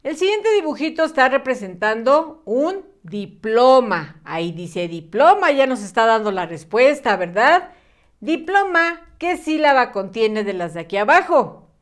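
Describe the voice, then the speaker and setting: A woman's voice: a little high, sing-song, a little slow. A woman teacher leading a children's literacy lesson, encouraging the young viewers and stretching out syllables.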